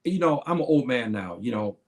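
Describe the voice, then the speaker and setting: A man in his seventies giving a casual livestream talk to his viewers. He speaks haltingly, with many fillers and repeated words, and he repeats his key phrases. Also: mid-range voice, lively intonation. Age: 70s.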